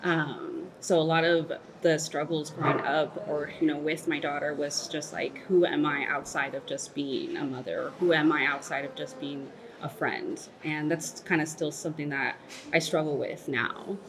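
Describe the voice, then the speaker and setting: A woman in her thirties, born in Mexico and raised in Texas, speaks thoughtfully in a candid interview, her deep voice keeping a fairly even intonation at a moderate pace. She fills her reflections with plenty of "like" and "um," and there's noise in the background.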